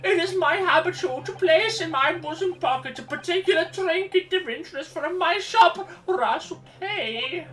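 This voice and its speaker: A woman voicing an eccentric, fretful old man in a video game, with drawn-out, archaic, theatrical delivery. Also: extremely high pitch, a bit bright, far from the mic, voice pushed up, poor audio. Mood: plaintive, theatrical. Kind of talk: video game character dub.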